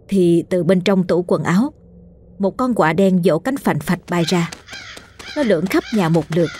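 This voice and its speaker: A woman narrating a scripted ghost story in a steady, measured storytelling manner. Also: lowish voice, slightly rough.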